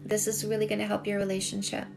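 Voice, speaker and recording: A middle-aged Canadian dating coach livestreams from a small indoor room with shelves, her phone held at arm's length as she reads and answers comments, repeating points for emphasis. Her mid-range, gravelly voice is delivered quickly and completely flat, with music playing underneath.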